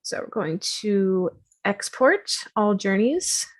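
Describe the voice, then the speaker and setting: A woman chats her way through a software tutorial on her screen, casual and self-deprecating and full of fillers. Her voice sits at a medium pitch, animated but unhurried.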